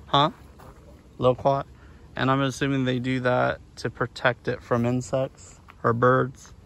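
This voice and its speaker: With a completely flat, unhurried delivery, a man in his thirties narrates a casual vlog while filming himself outdoors at a farm nursery. His medium-pitched voice has vocal fry and a slightly bright quality. The handheld phone, held at arm's length, catches faint outdoor background noise.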